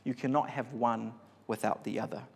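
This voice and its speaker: A man preaching at an ordinary pitch, his voice ringing out with a long reverb as if in a large hall. He retells a Bible story in a relaxed, conversational way, with plenty of ums and restarts. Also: moderate pace, creaky, slightly rough. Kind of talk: sermon.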